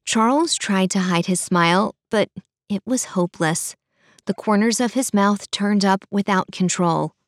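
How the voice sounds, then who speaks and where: A woman reading a story aloud in steady audiobook narration, voicing the characters lightly. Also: medium pitch, measured pace, no echo, clean studio sound.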